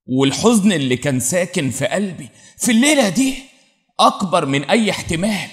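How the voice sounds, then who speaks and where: A man with an Egyptian accent reading a dramatic first-person story aloud, emotional and theatrical. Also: high voice.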